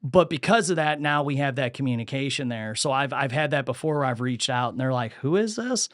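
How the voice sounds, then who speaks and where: A podcast host speaks at a medium pitch and a slightly quick pace, recorded cleanly in a studio with no room sound. Animated and casual, he tells stories and acts out the voices of the people he quotes.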